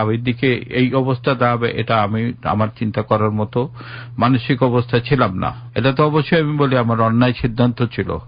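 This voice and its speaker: A middle-aged man with a Bangladeshi accent, an interview guest, earnestly gives a personal account and explains himself defensively. His voice is mid-range with vocal fry, and the highs are cut off.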